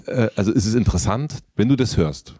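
Deep low dude with a gravelly mellow voice, thoughtful, asking his cohost stuff. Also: lively intonation, a little fast, dry recording, studio quality. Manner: thoughtful, asks his partner questions. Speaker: podcast co-host. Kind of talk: casual chat.

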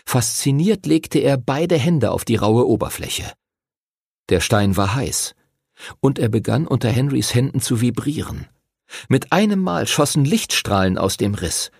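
A man narrating a fantasy audiobook in an expressive storytelling manner. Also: medium pitch, a little slow, creaky, breathy edge, no room sound, studio quality.

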